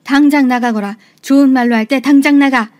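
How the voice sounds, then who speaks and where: A woman voicing a stern older mother-in-law who scolds forcefully. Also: fairly high pitch, steady tone, a little fast, lightly acted. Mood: angry.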